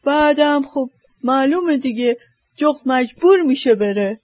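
A woman voicing a sly, scheming fox in a storybook, loud and knowing. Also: sits high, expressive, no room sound, dull audio.

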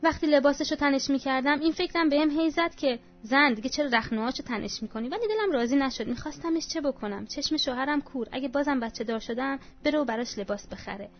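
A woman reading a first-person story aloud in an emotional, confessional way. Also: sits high. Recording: dull sound with faint background music.

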